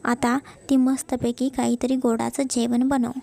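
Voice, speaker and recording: Woman reading a steady reassuring dad, mellow and gravelly. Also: a little high, normal speed. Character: calm reassuring middle-aged father. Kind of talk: storybook narration.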